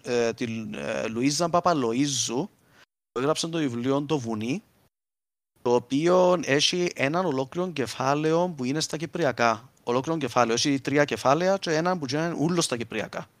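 A man speaks in an informal, explanatory way with a clear Cypriot Greek accent. He moves between dialect and more formal terms as he gives examples. The sound is dry, with very little room in it. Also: mid-range voice, no room sound. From Cyprus. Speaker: linguist speaker.

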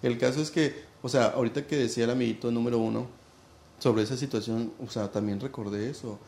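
Mexican man, podcast host, gossipy animated storyteller, roomy echo, faint background hum. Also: medium pitch, quick pace, vocal fry. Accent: Mexican Spanish. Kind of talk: casual chat. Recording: echoey room with faint ambience.

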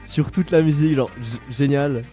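A man's voice: on the high side, normal speed, mellow, faint music behind. A man in his twenties with a Vaud Swiss French accent, chatting casually and guessing songs in a blind test, often hesitant. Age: 20s. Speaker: guest playing a blind test. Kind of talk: casual chat.

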